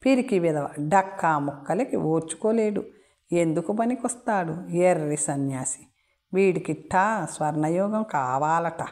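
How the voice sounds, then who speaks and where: A woman narrating a folk tale as an audiobook, in a slow, deliberate storytelling manner. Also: on the low side, animated, a little mellow.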